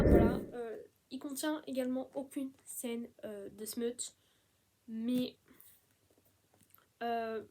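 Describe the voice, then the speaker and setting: A young woman chatting casually about the books she read, gushing with enthusiasm and filling pauses with "euh". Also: sits high, darkish tone, slight background noise. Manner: enthusiastic, gushing, many fillers. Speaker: book vlogger. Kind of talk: casual book review chat.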